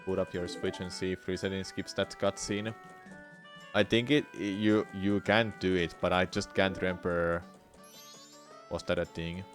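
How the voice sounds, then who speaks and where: Male speedrunner streamer, low-pitched, offhand and half-distracted, music playing behind him. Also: little pitch movement, a little slow. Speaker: speedrunner streaming live game attempts. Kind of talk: casual speedrun livestream chat.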